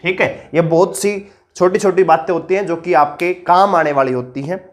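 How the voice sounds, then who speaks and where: In an online exam-prep class, a man with a sore throat teaches reasoning. He asks viewers questions and replies to them himself, dropping to a lower, slower voice to explain step by step.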